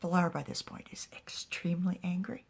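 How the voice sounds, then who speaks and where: A woman telling a fantasy story aloud in an animated way, often dropping to a whisper. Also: on the low side, moderate pace. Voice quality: husky and breathy.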